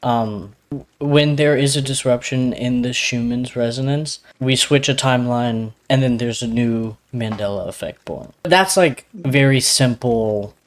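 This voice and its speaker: A man's voice: mid-range voice, measured pace. A man co-hosting a podcast, with a slight lisp, explaining things in a rambling, hedging way full of fillers. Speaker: podcast co-host. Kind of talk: casual podcast chat.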